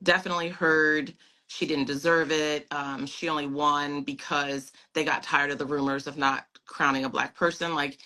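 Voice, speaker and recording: A pageant titleholder appears as a guest on a video call and tells her story in an earnest, emphatic, reflective way during an interview. Her voice is low and steady at normal speed with a sharp tone, and the recording quality is low.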